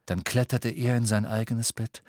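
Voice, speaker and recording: A man narrating a story aloud in a dramatic, expressive reading. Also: mid-range voice, normal speed, no echo, clean studio sound. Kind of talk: audiobook reading.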